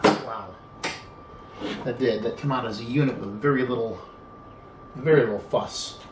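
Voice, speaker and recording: A hobbyist video presenter with a medium-pitched voice works through a hands-on repair unscripted, in an echoey room over a faint bed of noise. He thinks aloud without hurrying, often pausing and letting phrases trail off before he picks them back up.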